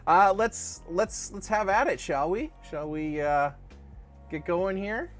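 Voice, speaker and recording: A man's voice: sits high, slow, fairly bright tone, faint music behind. A middle-aged man co-hosting a casual livestream, rambling and joking as he restarts his sentences. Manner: rambling, self-correcting, jokey. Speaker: co-host of a crypto dev livestream.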